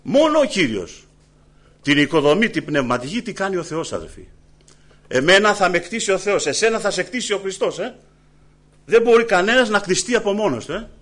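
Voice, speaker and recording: A man preaching a sermon, building emphatic repeated phrases and dropping low and soft to call the listeners brothers. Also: lively intonation. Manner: preaching with rising, emphatic repetitions and frequent "eh" fillers.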